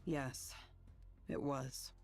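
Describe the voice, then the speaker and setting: A woman's voice: extremely low pitch, flat delivery, extremely slow, darkish tone, heavily acted. A woman voicing a cold, blunt, weary fighter in a curt, dismissive manner. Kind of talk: video game voice acting.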